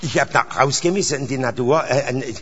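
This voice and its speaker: Fervent preacher in echoey hall. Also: male voice, mid-range voice, fairly quick, a bit bright, slightly rough, highs cut off. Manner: rambling and anecdotal, rising to fervent exclamations. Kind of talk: sermon. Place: church hall. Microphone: handheld microphone.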